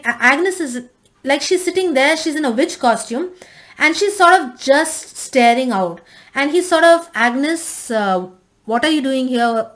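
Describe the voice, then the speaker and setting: A woman casually recapping and reviewing a TV episode, rambling with frequent restarts and fillers. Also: high-pitched.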